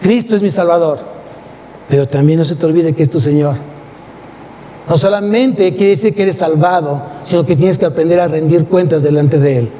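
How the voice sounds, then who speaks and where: Mexican male pastor, higher voice, mellow tone; emphatic sermon with rhetorical questions, long church reverb. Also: normal speed. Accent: Mexican Spanish. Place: church sanctuary. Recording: long church hall reverb, faint noise.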